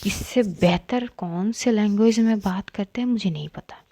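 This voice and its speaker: A woman reads a fierce, protective young woman in a storybook reading. She scolds and lectures in a warm, mellow tone. The recording is dry and close. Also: medium pitch, normal speed, dry recording, natural voice. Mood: angry.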